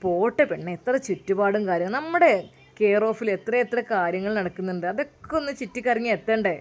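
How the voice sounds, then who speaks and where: A woman voicing a caring, hurried young husband who speaks softly and coaxingly. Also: lively intonation. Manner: soft, coaxing, lowered voice.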